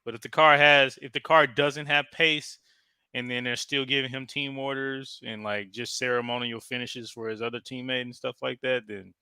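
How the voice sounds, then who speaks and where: Bright-voiced joking man, dry mic. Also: medium pitch, normal speed, clear, resonant tone, dry recording. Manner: animated, joking, trails off into mumbles. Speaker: podcast co-host. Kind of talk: casual car talk.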